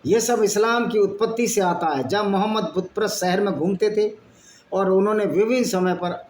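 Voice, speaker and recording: Guy with a high voice reading texts and arguing, roomy echo, bit of hiss. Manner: argumentative, mixes reading with blunt asides. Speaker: channel host. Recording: echoey room with faint background noise.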